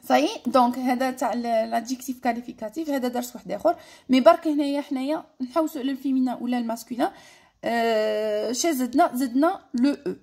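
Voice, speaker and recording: A woman with an Algerian accent teaching French grammar in a classroom-style lesson, switching between French and Algerian Arabic. She slows down to dictate example words and repeats them carefully. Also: high voice, vocal fry, darkish tone.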